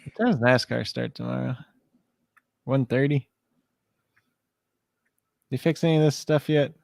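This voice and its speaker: A man from Illinois co-hosting a fantasy sports show in relaxed, chatty talk that often trails off mid-sentence. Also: medium pitch, a little slow, gravelly, no room sound, clean studio sound. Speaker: fantasy sports podcast co-host. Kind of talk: casual chat.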